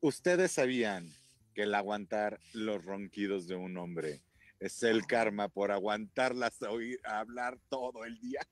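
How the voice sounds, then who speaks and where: A man's voice: lowish voice, unhurried, no echo. A man hosting a casual radio chat, teasing his co-hosts with jokes. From Mexico. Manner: teasing, jokey. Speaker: radio host.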